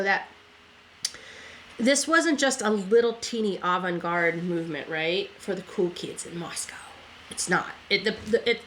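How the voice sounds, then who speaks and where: On the high side and fairly bright, this woman's voice comes with slight background noise. She hosts a podcast, telling history casually from her notes, often tacking "right?" onto sentences. She stumbles over words, repeats them, and corrects herself as she goes.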